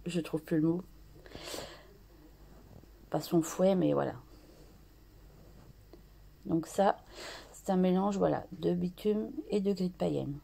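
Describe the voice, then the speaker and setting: A woman hosting a craft tutorial, slowly talking through her art journal steps with many pauses and restarts. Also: on the low side, gravelly, mellow, breathy edge. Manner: slow and hesitant, many fillers and restarts.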